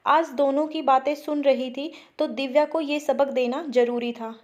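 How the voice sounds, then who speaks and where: Woman, storyteller, high voice, steady expressive reading. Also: moderate pace, muffled recording. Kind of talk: storytelling narration.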